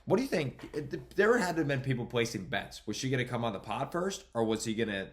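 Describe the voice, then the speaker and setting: A man co-hosting a casual podcast, teasing his partner with quick, pointed questions. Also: mid-range voice, sing-song. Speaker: podcast co-host.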